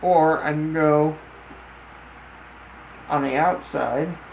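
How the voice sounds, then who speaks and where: A man giving a casual hands-on demonstration in a deliberate, halting way, with broken phrasing. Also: a little high, steady tone, dull audio. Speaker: host demonstrating a hobby. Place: home basement, indoors. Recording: clear background noise, room ambience.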